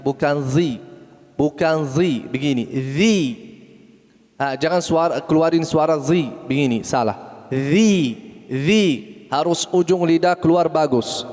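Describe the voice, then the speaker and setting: A man teaching Quran recitation, correcting pronunciation and repeating letter sounds slowly. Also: mid-range voice, darkish tone, big-room sound. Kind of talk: tajweed lesson with recitation.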